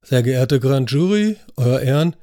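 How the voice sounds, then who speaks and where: A man's voice: mid-range voice, animated, measured pace, warm tone, no echo, clean studio sound, pitched above the performer's own voice, lightly acted. A man voicing a driven prosecutor in an audiobook, firm and authoritative. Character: commanding, driven male prosecutor.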